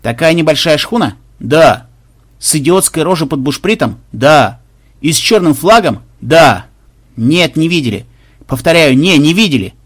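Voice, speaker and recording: A man voicing a gruff male space pirate chief who barks orders through a megaphone. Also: a little high, animated, unhurried. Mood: sly.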